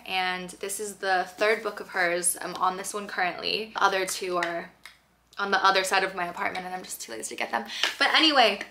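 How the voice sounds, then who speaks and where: Bright-voiced chatty young woman vlogger. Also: mid-range voice. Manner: chatty, upbeat, filler-heavy with lots of "like". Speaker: lifestyle vlogger. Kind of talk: casual chat to camera. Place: bedroom at home, indoors.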